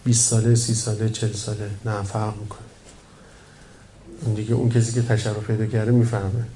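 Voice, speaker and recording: A man's voice: fairly low pitch, level tone, dark tone, slight background noise. A man giving a religious lecture to a live audience, talking conversationally and emphatically, repeating key lines and asking rhetorical questions. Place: gathering with an audience present.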